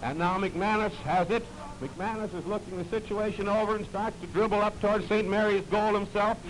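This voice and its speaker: A man's voice: high-pitched, brisk. A man calling a basketball game play by play, heard as a played-back early 1930s archive recording. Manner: plain, steady play-by-play calling. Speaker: basketball commentator. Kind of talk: live play-by-play commentary. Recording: noisy, hissy old archive recording.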